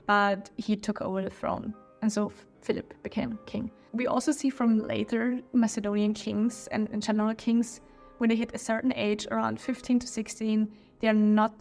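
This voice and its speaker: Speaking English with a German accent, her first language being German, a woman with a fairly high voice hosts a history channel. Her video review has a casual, opinionated tone and includes small slips and restarts.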